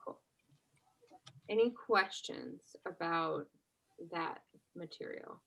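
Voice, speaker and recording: Low-voiced woman teaching chemistry. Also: takes it slowly, creaky, low-quality recording. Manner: checks understanding constantly with "right?"; relaxed conversational teaching, asks class questions. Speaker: chemistry instructor. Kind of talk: exam review lesson.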